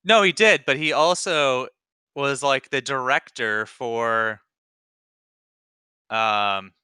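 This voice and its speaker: A man's voice: mid-range voice, slow, sharp tone, clear, resonant tone. A young man co-hosting a gaming podcast in casual chat, rambling and fumbling for names. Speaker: podcast co-host.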